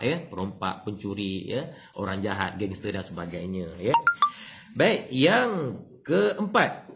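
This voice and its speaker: A man's voice: medium pitch, slight background noise. A man with a Malaysian Malay accent giving an evening religious lecture, acting out little dialogues and tagging lines with "ya" and "ha". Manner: animated, acts out dialogue, many "ya" and "ha" tags. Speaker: religious teacher. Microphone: livestream microphone.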